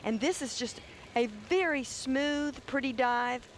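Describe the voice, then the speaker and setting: A woman's voice: high-pitched, measured pace. A woman giving analytical, explanatory diving commentary as an expert. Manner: explanatory, evaluative. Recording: loud venue noise behind the voice.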